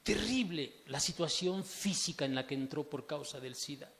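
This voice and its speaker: A male pastor preaching to his congregation, emphatic, full of rhetorical questions, swinging from hushed to loud. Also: a little high, lively intonation, moderate pace, gravelly, slight background noise. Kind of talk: sermon. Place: church hall. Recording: reverberant church hall.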